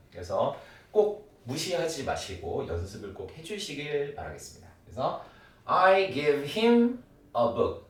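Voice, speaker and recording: A man's voice: mid-range voice, reverberant, recorded from a distance. Man drilling English phrases in a lesson. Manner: repeats example sentences slowly and drills them aloud. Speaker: English teacher. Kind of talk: spoken English grammar lesson.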